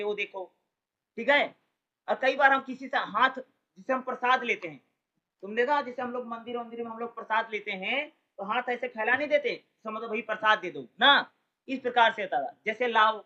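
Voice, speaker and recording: A man's voice: very high voice, pushed and bright, lo-fi sound. A man teaching an exam-prep lesson in a casual, colloquial way, who keeps asking rhetorical questions and answering them himself. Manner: calls listeners "brother", colloquial. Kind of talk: explanatory exam-prep lecture.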